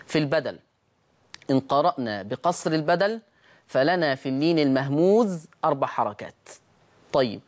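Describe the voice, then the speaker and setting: Egyptian male recitation teacher, recorded lesson, voices the class's questions and drags words out to demonstrate them. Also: on the high side. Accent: Egyptian Arabic. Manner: asks students' questions himself, then answers them; stretches out words slowly to show how they are said. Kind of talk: recorded tajweed lesson with on-screen slides.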